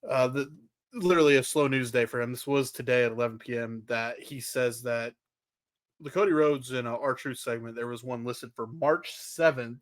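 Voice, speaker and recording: A man with a medium-pitched voice, recorded close and dry. He chats casually about wrestling news as a podcast co-host, wry and offhand. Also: normal speed, no room sound.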